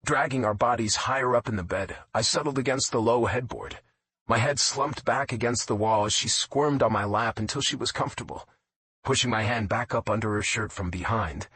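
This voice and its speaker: A man narrating a romance audiobook in a low, intimate first-person reading. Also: moderate pace, fairly bright tone, husky, no room sound.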